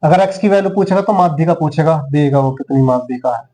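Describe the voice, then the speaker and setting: Guy teaching a maths lesson, kinda high-ish mellow voice, walks you through every step. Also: quick pace. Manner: talks students through each step, counting aloud. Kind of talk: classroom lesson.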